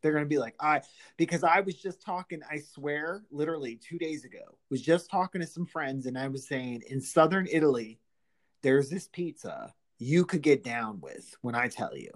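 Woman co-host, very expressive pitch, emphatic joking storyteller. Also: moderate pace. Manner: animated storyteller, emphatic and jokey. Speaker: podcast co-host. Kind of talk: casual chat.

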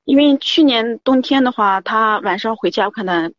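A woman's voice: a little high, normal speed, no echo, dull audio. A woman calling in to tell her story in a rambling, confiding way, repeating "I said" again and again. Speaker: caller. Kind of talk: confiding call-in account.

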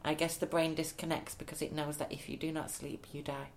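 A man's voice: a little high, level tone, a little fast, a little hiss or hum. A man co-hosting a podcast in casual chat, reading news stories aloud with amused asides. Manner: reads articles out, amused and chatty. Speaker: podcast co-host.

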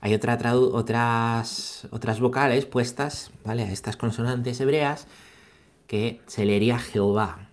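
A man giving a catechesis talk, animated and emphatic, asking rhetorical questions and checking in with his listeners. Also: mid-range voice, measured pace. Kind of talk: catechesis talk on scripture and philosophy.

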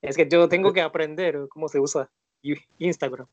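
A man's voice: on the high side, fairly even intonation, brisk. Man, brief replies over a lo-fi call. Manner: brief replies, laughs easily. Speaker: Japanese native guest. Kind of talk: casual online class.

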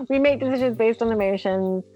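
Speaking English with a non-native accent, this woman is an interview guest discussing UX writing in a relaxed setting. She's lively, breaks into laughter a lot, and plays out small back-and-forth exchanges in a high-leaning voice over a rough recording.

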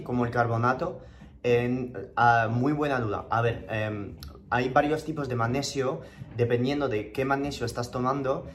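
A keto diet coach in his thirties, raised in southern France by Spanish parents, speaks Spanish with a French accent on a live stream. His medium-pitched talk is casual and rambling, full of fillers and restarts.

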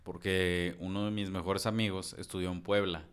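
Low-voiced young man chatting casually. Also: flat delivery, normal speed, clear, resonant tone. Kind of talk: casual podcast chat.

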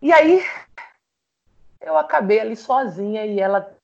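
A Brazilian woman, a podcast guest, telling a personal story in an animated way, acting out remembered conversations with frequent restarts. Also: on the high side, measured pace, gravelly, muffled recording. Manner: animated, acts out remembered dialogue with many restarts.

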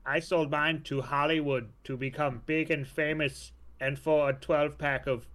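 A man's voice: fairly high pitch, fairly even intonation, normal speed, a bit bright, close to an everyday voice. A crude damned soul fires off brash wisecracks in a slightly raised voice, as a man acts him out. It is a loose comedy sketch. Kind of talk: improvised comedy role-play.

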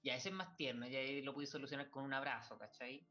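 A man's voice: mid-range voice, fast talker, bright, forceful tone, muffled recording, faint music behind. A young man with a Chilean accent chatting casually, rambling in crude slang and laughing often. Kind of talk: casual chat.

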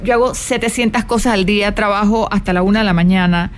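A woman's voice: mid-range voice, quick pace, a little hiss or hum. A middle-aged woman hosting a live stream, chatting casually, asking rhetorical questions, repeating words and reading viewers' comments aloud. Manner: animated, rhetorical questions and repetitions; greets viewers and reads their comments aloud. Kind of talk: casual live chat reflecting on happiness.

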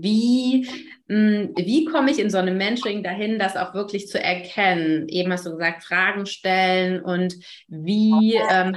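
A woman hosting an interview, speaking in a gentle, reflective and affirming way, often ending phrases with a questioning "ne?". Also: mid-range voice. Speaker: podcast host. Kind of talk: warm interview conversation.

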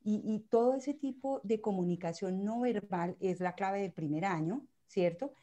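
Mellow-voiced woman host, measured and explanatory. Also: mid-range voice. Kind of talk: casual expert discussion.

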